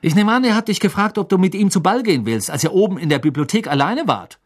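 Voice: mid-range voice, big pitch swings, normal speed, breathy edge, voice pushed up. Ron, a sneering jealous schoolboy. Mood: jealous taunting. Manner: mocking, heated. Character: teenage boy wizard, jealous and sneering. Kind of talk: audiobook character voice.

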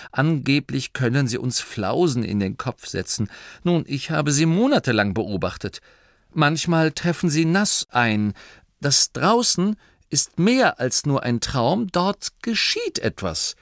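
A man's voice: fairly high pitch, big pitch swings, a little slow, fairly bright tone, no room sound, clean studio sound, pitched above the performer's own voice, heavily acted. A man voicing a nervous, earnest young male gnome, the son of a duke, in a storybook reading. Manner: nervous, earnest, slightly raised voice.

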